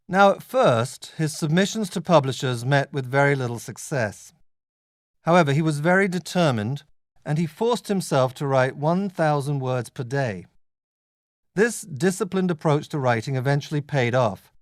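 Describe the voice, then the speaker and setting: A man playing a measured, scholarly literature lecturer, giving a scripted academic lecture to a class in a deliberate, explanatory way. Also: fairly high pitch, dry recording, clean studio sound, lightly acted.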